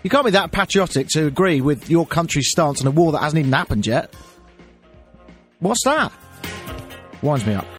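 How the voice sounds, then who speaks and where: Exasperated male radio host, husky archive clip. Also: on the high side, expressive, normal speed, long pauses. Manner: exasperated, mocking. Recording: older archive radio clip with music under.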